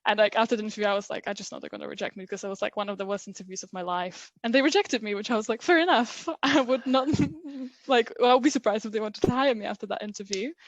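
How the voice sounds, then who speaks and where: A woman's voice: medium pitch, fast, few pauses, no room sound, highs cut off. Chatty young woman from Poland. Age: 20s. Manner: chatty, laughs often, many fillers. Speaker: interview guest, recent graduate. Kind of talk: casual video interview.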